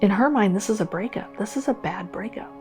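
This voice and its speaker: A middle-aged woman giving an earnest, reflective testimonial as a parent, sometimes halting with emotion. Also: medium pitch, darkish tone, faint music behind. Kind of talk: documentary interview testimonial.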